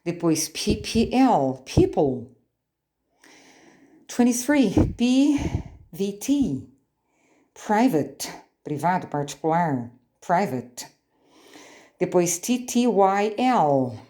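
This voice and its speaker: A woman's voice: fairly low pitch, big pitch swings, very slow, pauses often, warm tone. A Brazilian woman teaching an online English lesson, explaining patiently, spelling out letters and checking in with frequent tag questions. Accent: Brazilian Portuguese. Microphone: phone screen recording.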